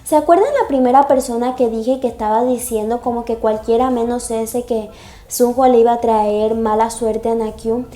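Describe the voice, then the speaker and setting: A woman's voice: a little high, steady tone, moderate pace, mellow. A young woman reading a comic aloud and reacting, gushing and sighing often. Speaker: webcomic reaction vlogger. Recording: echoey room. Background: faint music.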